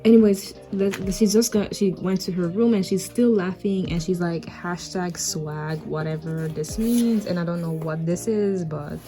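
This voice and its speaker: A woman's voice: lowish voice, fairly even intonation, moderate pace, few pauses, warm tone, soft background music. A woman talking through her old comic in a casual voice-over, rambling and self-mocking, with lots of 'like'. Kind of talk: casual art commentary voice-over.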